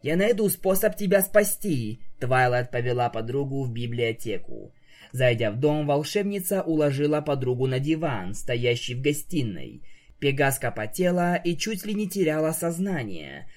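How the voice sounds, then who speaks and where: A man narrating a fan fiction story aloud in an even storytelling delivery. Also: medium pitch, moderate pace.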